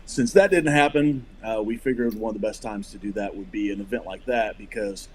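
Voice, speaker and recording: A man in his forties from Missouri, a podcast guest talking in halting casual chat with many restarts. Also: fairly low pitch, a little hiss or hum. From Missouri, USA. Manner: hesitant, many fillers and restarts. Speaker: podcast guest, firearms company rep.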